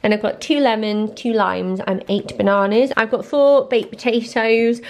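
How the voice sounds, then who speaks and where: A woman's voice: fairly high pitch, moderate pace, darkish tone. A young woman chatting through her grocery haul in a home kitchen, rambling and laughing at herself. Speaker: vlogger.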